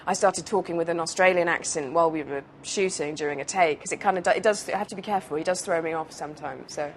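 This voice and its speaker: British actress, lower register, chatty and rambling with fillers, faint background noise. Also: female voice, fast talker. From United Kingdom. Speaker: actress being interviewed. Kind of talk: casual interview chat.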